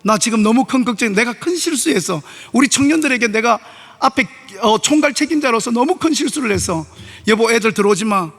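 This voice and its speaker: A middle-aged man preaching a sermon as pastor, telling stories and acting out voices in lively dialogue, recorded in a church sanctuary. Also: very high-pitched, brisk. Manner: animated, acts out dialogue in shifting voices. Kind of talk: sermon with storytelling. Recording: long hall reverb of a church.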